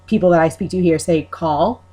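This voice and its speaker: A woman's voice: on the low side, normal speed. A woman with a Long Island accent, talking casually and hesitantly as she explains things in a rambling, informal way. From Long Island, New York, USA. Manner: informal, hesitant, thinking aloud. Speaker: video maker explaining her accent.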